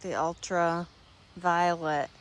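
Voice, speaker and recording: Woman, low-ish voice, slow unhurried talk, casual garden tour, faint outdoor noise with birds. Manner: relaxed, musing, trails off mid-sentence. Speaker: garden vlogger.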